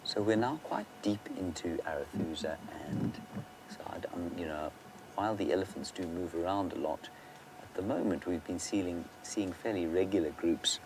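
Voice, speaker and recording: A man working as a safari guide, giving unscripted live wildlife commentary and answering viewer questions, sometimes hushed toward a near-whisper. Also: deep voice, moderate pace. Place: outdoors in an open safari vehicle. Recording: outdoor vehicle and bush ambience noise.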